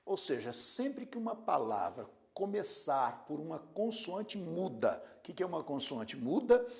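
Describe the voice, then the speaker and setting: Male grammar teacher, lively pitch, gravelly tone, deliberate classroom delivery. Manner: slow, deliberate, repeats words syllable by syllable; asks rhetorical questions to the learner. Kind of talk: classroom lecture.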